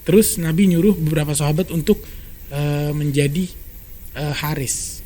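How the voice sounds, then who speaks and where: A man telling a story in a casual podcast chat, brisk and animated, acting out quoted dialogue. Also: a little high. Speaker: storyteller guest.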